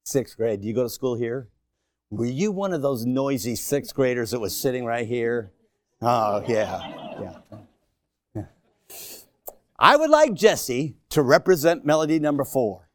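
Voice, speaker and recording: A man's voice: medium pitch, animated, a little slow, pauses often, no echo, studio quality. A man in his sixties preaching a sermon to a congregation, emphatic and exhorting, repeating phrases for effect. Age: 60s. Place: church before a congregation.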